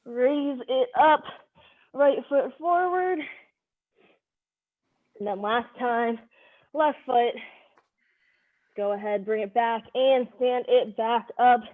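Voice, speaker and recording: High-pitched woman fitness instructor, phone-like sound. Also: slow, long pauses. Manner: directive, short clipped cues. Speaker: fitness instructor leading a live online HIIT class. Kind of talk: live workout instruction with cues and countdowns. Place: live online video class.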